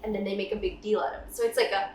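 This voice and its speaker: A woman's voice: medium pitch, little pitch movement, very fast, darkish tone, far from the mic, slight background noise. A woman in her twenties, a singer-songwriter, chatting casually in an interview, laughing often and mixing in a few Thai words. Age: 20s. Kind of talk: relaxed interview talk. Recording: roomy, mic set back, music behind.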